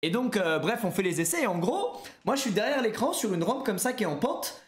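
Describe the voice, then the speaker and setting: A young man, a streamer, telling a lively anecdote to his viewers in a casual way, with many fillers. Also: high voice, fairly quick, reverberant.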